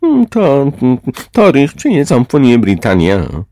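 A pompous official man, stern and quick to take offense, as a man puts him on while reading the story. His voice sits well above the reader's deep tone and comes out raised and clipped. The audiobook sound is dry and close. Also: wildly swooping pitch, warm tone, no echo. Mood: indignant.

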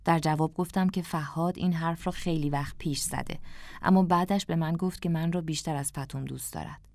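A woman narrating an audiobook in a calm, reflective storytelling manner. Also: low-pitched, creaky, dry recording.

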